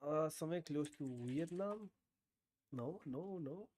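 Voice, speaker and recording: A man with a darkish voice on the high side streams a guessing game, speaking a little slowly in a dry recording. His casual commentary is him thinking aloud, full of swearing and sudden bursts of disbelief.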